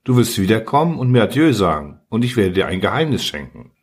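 A man voicing a patient, wistful male fox in an audiobook reading, earnest and coaxing, slightly husky. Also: on the low side, very animated, a little fast. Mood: tender. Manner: earnest, coaxing, explaining tenderly.

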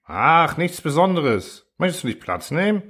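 A man voicing a sly, gleeful male robot constructor who mocks and coaxes in a raised, lively voice. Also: fairly high pitch, normal speed, husky, voice pushed up, exaggerated voice. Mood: coaxing. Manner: mocking, cheerful cruelty.

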